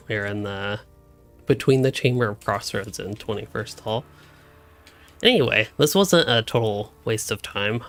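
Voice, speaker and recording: A man's voice: on the low side, creaky, a bit bright. A young man rambling through casual live-stream commentary while he plays, thinking aloud from a room at home on a desk microphone. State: hiccuping. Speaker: gaming streamer.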